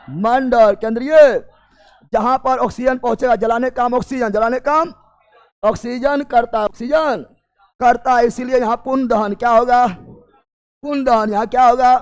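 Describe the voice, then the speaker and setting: High-voiced shouting chemistry teacher. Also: male voice, clear, resonant tone. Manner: drills students with repeated questions, often shouting. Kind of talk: call-and-response classroom lecture.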